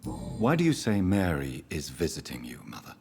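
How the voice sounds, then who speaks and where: An actor playing a grieving young vampire son who speaks quietly and holds back tears, over cello music. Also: male voice, very deep voice, huge pitch swings, normal speed, full character voice. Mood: sorrowful. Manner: quiet, restrained, on the edge of tears. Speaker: game protagonist.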